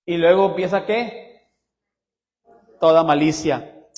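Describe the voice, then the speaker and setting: High-voiced preacher in a reverberant church. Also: male voice, slow. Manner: preaching with rising emphasis and frequent asides to the congregation; lively pitch swings, teasing humor. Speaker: pastor. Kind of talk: sermon. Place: church sanctuary.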